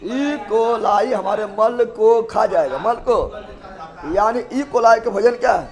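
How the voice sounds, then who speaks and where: A man's voice: high-pitched, measured pace, soft background music. A man teaching biology, firing questions and having the class repeat answers back in chorus. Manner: loud, emphatic, laughing often. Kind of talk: call-and-response classroom lesson.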